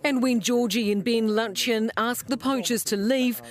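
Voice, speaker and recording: Higher-voiced New Zealand woman reporting news. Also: fairly even intonation, normal speed. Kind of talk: scripted news report narration.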